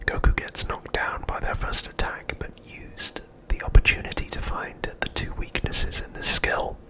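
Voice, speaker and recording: Deliberately and in an unvoiced whisper, a man narrates a recap of an episode. He is an ASMR host, and his voice stays hushed and breathy.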